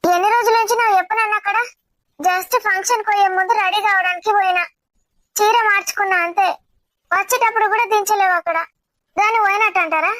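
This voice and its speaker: A whiny young wife begs her husband to let her go home for a week, as a woman acts her out. Her voice sits very high and she keeps pushing, insistent and pleading. The sound is dry, with no room around it. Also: fairly even intonation, fast talker, a bit bright, no room sound. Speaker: actor in a family comedy drama. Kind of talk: amateur family drama acting.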